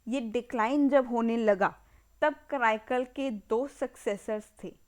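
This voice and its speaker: A woman with an Indian accent giving an exam-prep history lecture, slowly repeating key terms as if dictating and mixing Hindi with English words. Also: fairly high pitch, a little mellow. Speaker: history teacher.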